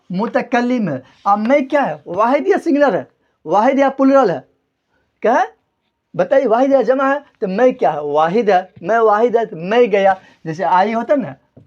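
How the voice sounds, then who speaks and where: A grammar teacher with a medium-pitched, slightly mellow voice works through a classroom lesson, restating every point. Questions are posed to the listeners and then answered by the teacher. The recording sounds dull and lo-fi.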